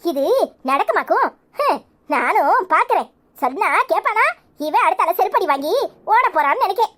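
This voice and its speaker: A woman playing a sharp-tongued older village sister, scolding and mocking in a Kanyakumari Tamil accent. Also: very high voice, big pitch swings, moderate pace, exaggerated voice. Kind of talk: village comedy serial acting.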